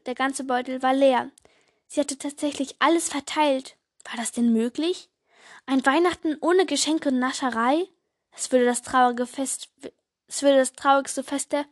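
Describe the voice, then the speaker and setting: A young woman reads a bedtime story aloud and then chats casually from her bed, laughing off her own slips. Her voice sits high. The recording is close and dry. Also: no room sound. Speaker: vlogger. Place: indoors, sitting on a bed.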